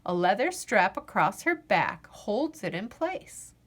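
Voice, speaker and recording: Speaking at medium pitch, a woman reads aloud from a children's picture book. It's a storyteller's reading, expressive and deliberate, with prolonged refrains.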